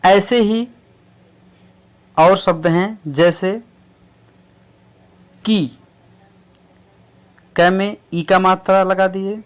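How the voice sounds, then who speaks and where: A man teaching English pronunciation, spelling out words letter by letter in a slow, deliberate way. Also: high-pitched, steady tone, smooth. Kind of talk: explaining English pronunciation in Hindi.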